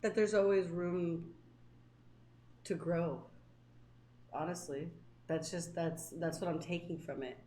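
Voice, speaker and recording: A woman's voice: on the low side, takes it slowly, long pauses, warm tone. A young woman co-hosting a podcast and chatting casually about being a dungeon master, earnest and teasing. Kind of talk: casual chat. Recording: echoey room with faint hiss.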